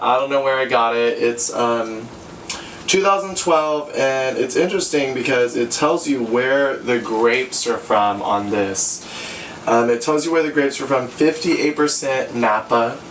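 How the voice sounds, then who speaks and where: A man's voice: medium pitch, fairly bright tone. A tipsy, giggly American man in his twenties, sassy and sweary, giving casual cooking commentary to a camera a few feet away. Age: 20s. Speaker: host of a home cooking show. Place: small cluttered home kitchen. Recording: echoey kitchen, distant mic, pan noise. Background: sizzling pan and clattering utensils.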